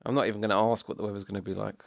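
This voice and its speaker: A young man commentating a sim racing league, excitable and chatty with casual slang. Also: lowish voice, rapid-fire, gravelly, no echo, studio quality. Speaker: race commentator.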